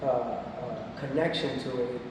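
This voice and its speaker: A man's voice: medium pitch, moderate pace. A man in his forties from Puerto Rico, casually explaining his art at a gallery talk. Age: 40s. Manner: relaxed, explanatory, with frequent fillers. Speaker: guest artist. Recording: echoey gallery from far off, noisy.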